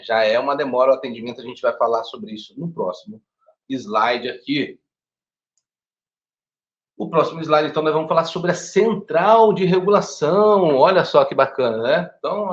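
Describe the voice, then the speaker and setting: A man with a Brazilian Portuguese accent giving a first aid lecture to teachers, animated and chatty, often checking that his listeners follow. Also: medium pitch. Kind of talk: online teacher training lecture. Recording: echoey room, dull lo-fi sound.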